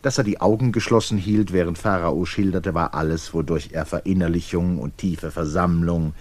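Man, very deep voice, audiobook narrator, literary reading, unhurried, deliberate phrasing. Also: steady tone, darkish tone, a little hiss or hum.

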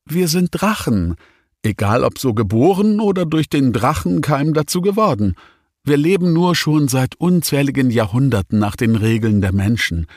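A man voicing an eager male dragon knight in an audiobook, speaking with excitement. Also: mid-range voice, normal speed, dry recording, clean studio sound, pitched above the performer's own voice, lightly acted. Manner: eager, exclaiming.

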